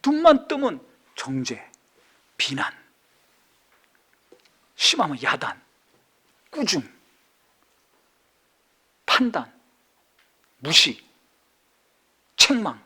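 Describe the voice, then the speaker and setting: A man preaches in a church, his voice pitched high. He moves from soft, probing questions to loud, climbing calls to his listeners. Now and then he slips into a sharp scolding tone to act out a quote. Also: wildly swooping pitch, extremely slow, pauses often, slightly rough. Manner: swings between soft asides and loud rising exhortation; acts out scolding quotes in a harsh voice. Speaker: pastor. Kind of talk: sermon. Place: church sanctuary.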